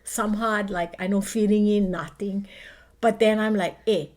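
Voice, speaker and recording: A woman's voice: medium pitch, fairly even intonation, normal speed, a little mellow. A middle-aged American woman from Hawaii speaking earnestly and expressively as a guest in a heartfelt, casual conversation, repeating phrases for emphasis. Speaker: interview guest sharing her story.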